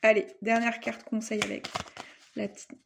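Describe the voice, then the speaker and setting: A woman's voice: a little high, level tone, normal speed, vocal fry, background noise. A woman doing a casual oracle card reading, hesitating often with fillers and self-corrections, reading card texts aloud between her comments. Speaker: card reader.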